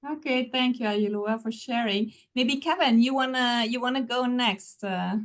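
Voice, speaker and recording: A woman's voice: a little high, moderate pace. A woman hosting a panel chat, casually thanking speakers and passing questions along. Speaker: host. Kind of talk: casual moderating.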